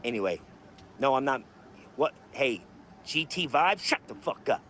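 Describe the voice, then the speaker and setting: A man's voice: mid-range voice, very animated, unhurried, fairly bright tone, a little hiss or hum. A man hosting a live stream, ranting to his chat in a heated, emphatic way with a lot of swearing. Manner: talks straight to chat viewers. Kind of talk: casual live stream rant.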